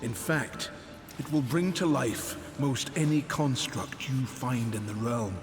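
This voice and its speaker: Man as a slow, grave old sage. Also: mid-range voice, lightly acted. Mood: grave, weary. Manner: solemn, deliberate. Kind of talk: dramatic fantasy game dialogue. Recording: long reverb, music behind.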